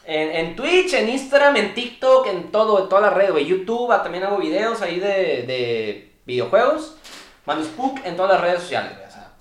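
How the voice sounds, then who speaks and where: Young man, Mexican accent, casual chat, very lively pitch, animated slangy delivery. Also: normal speed, reverberant. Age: young adult. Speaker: guest.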